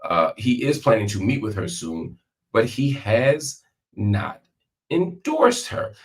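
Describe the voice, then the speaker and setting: A man's voice: lowish voice, lively intonation, slow. A man hosting live political commentary from a hospital room, talking straight to his viewers in an emphatic, conversational way with repetition for effect.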